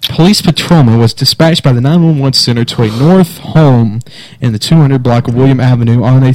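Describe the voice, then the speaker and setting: A man's voice: medium pitch, rough recording. Wry man reading odd news. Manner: wry, laughs through stories, mock newscaster delivery. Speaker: podcast host. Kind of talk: casual chat, reading odd news stories.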